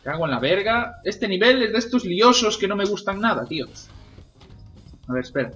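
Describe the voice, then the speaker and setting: A man doing let's-play commentary at home, excitable, swearing and shouting at enemies. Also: high voice, normal speed, dull audio, soft background music. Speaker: gamer.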